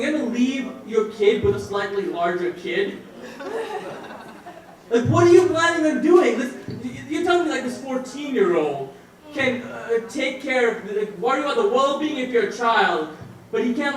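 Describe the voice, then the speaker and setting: A young man doing a stand-up set on stage, rambling and stammering with sudden shouted outbursts. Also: very high-pitched. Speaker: stand-up comedian. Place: comedy stage in front of a live audience. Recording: echoey room, mic heard from a distance.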